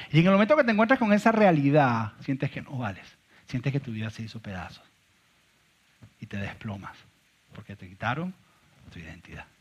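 A man preaching a sermon as pastor, emphatic and full of rhetorical questions, swinging from loud to quiet. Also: mid-range voice, breathy edge. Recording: dull lo-fi recording.

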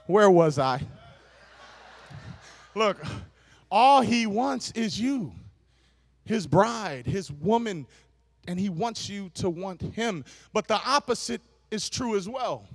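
A male preacher addresses his congregation in a strikingly high voice. He takes his time, leaning on each phrase and repeating lines for emphasis. Now and then he rises into a shout and talks straight at the listeners. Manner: talks directly to the audience. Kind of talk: sermon to a congregation.

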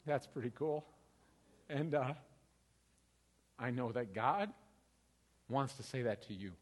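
A man's voice: medium pitch, slow, breathy edge, in a large hall. A pastor in his thirties giving a conversational sermon, often asking "right?" to the congregation. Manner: conversational, tag questions like "right?".

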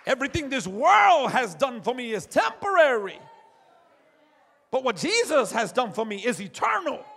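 A middle-aged man preaching a fervent sermon in a church, shouting and calling out hallelujah again and again. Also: very high-pitched, very animated, normal speed, gravelly, slightly rough. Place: church sanctuary. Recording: long church reverb with faint music.

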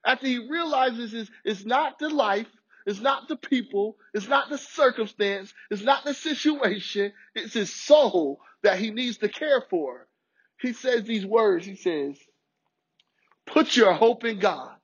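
A man's voice: very high-pitched, animated, a little slow, breathy edge, highs cut off. A man preaching a sermon with passion, often repeating and restarting his words. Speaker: pastor.

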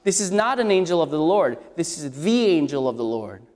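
A man preaches an expository sermon a little fast, his fairly high, sing-song voice a touch mellow yet scratchy. He talks to the congregation in a conversational way and poses questions to them. Long hall reverb colors the recording.

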